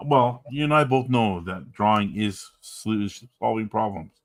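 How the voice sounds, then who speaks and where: A man's voice: on the low side, lively intonation, a little slow, no echo. A man co-hosting a casual art stream, talking about coloring with dry sarcastic humor on a desk microphone. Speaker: co-host and colorist.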